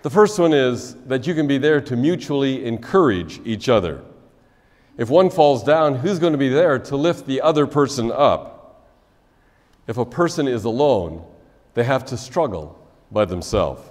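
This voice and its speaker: A man in his sixties preaching a measured wedding sermon as officiant, his phrases dropping softly at their ends, in a church sanctuary. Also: medium pitch, lively intonation. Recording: long church reverb.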